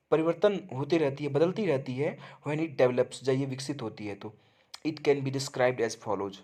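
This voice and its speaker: A young adult man teaching a lesson, reading English lines slowly and then explaining each one, asking and answering his own questions. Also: a little high, darkish tone. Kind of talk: bilingual lecture explaining a text.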